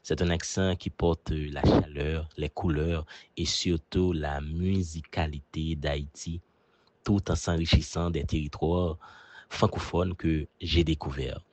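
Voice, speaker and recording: A man from Haiti with a Haitian accent, a teacher and journalist, giving an earnest, measured personal testimonial with a few fillers. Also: extremely low pitch, steady tone, darkish tone.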